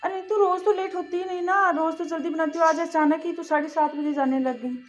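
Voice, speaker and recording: A woman's voice: very high voice, steady tone, a little fast. A woman playing a fair-minded middle-aged mother-in-law in a home family skit, coaxing and reasoning. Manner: coaxing, keeps calling others 'beta'. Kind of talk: amateur home drama acting. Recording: echoey room, distant mic, faint music.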